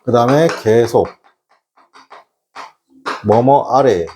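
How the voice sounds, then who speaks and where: A man's voice: medium pitch, slow, mellow, slight background noise. A middle-aged man teaching a classroom English lesson, chatty and joking, constantly checking in with his students. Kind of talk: classroom lecture.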